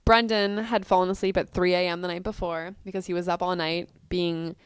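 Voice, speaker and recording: A woman co-hosting a casual chat, retelling story details with animated emphasis. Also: fairly low pitch, fairly quick, clear, resonant tone, no echo, studio quality. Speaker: co-host. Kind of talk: casual discussion of book versus film.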